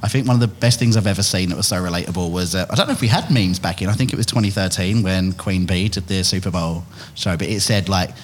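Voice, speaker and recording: This English podcast host with an Essex accent talks quickly in a low voice, barely pausing. His casual banter with guests around the table is playful and full of jokes.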